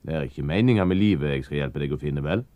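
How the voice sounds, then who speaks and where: A man's voice: extremely low pitch, lively intonation, no echo, muffled recording. Man doing a hammy grumpy detective. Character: eccentric grumpy male detective, suspicious and theatrical.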